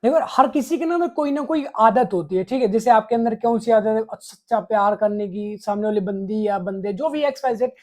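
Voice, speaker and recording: Crude scolding guy ranting advice at the camera, mellow voice, swears a lot. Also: high-pitched, fairly quick, few pauses. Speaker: relationship advice vlogger. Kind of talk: advice monologue to the viewer.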